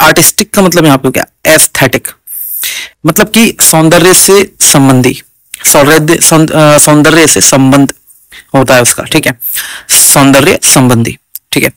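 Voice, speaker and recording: A man with an Indian English accent teaches exam vocabulary in a fairly high voice. He glosses each word in Hindi, repeats it, and checks in with "theek hai" as he goes. The sound is close and dry, with no room echo. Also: fairly bright tone. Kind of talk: vocabulary lesson for exam prep.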